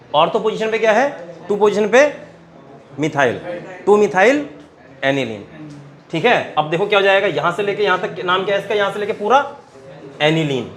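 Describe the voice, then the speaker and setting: A man's voice: high-pitched, a bit bright. A man with an Indian Hindi accent teaching chemistry naming, asking students question after question and calling them beta. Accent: Hindi-speaking Indian. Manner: keeps quizzing students, calls them beta. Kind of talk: classroom lecture at a board.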